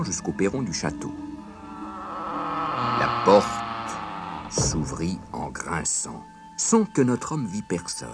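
A male storyteller reads a fairy tale aloud in a low, husky voice. He rises and falls through a lively pitch range, with soft music beneath. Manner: expressive, dramatic reading. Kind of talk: scripted fairy-tale narration.

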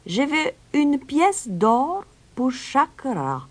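A woman voicing a calm, sly young male stranger who plays the pipe, speaking softly and slowly in a storybook reading. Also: high-pitched, voice pushed up, exaggerated voice. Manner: calm, soft, drawn-out.

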